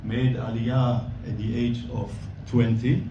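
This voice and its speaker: Older man, slow friendly gala speech, echoey hall, distant mic. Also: medium pitch, flat delivery, highs cut off, noisy background. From Belgium. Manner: slow and friendly, chuckles softly. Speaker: volunteer bike instructor. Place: banquet hall.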